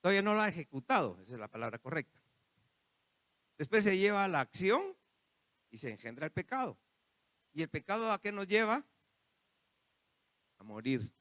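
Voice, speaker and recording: A man's voice: high-pitched, big pitch swings, normal speed, pauses often, a bit bright, no room sound. A man preaching a sermon, repeating phrases and turning to the congregation with asides. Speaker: pastor.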